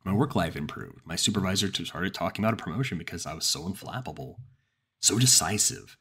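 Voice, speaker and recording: A man with a low, husky voice reads a first-person horror story aloud. His telling is measured and dramatic, pacing the creepy moments with care. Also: lively intonation, bright, forceful tone. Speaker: narrator. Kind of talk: scripted horror story narration.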